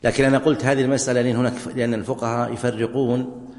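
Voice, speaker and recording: A sheikh gives a classroom lesson, restating each example with care and pausing to quiz his students. His voice rings through a large hall with a long, lingering reverb. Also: mid-range voice, little pitch movement, a little mellow. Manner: deliberate, repeats examples and quizzes students. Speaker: sheikh teaching Islamic jurisprudence. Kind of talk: classroom lecture.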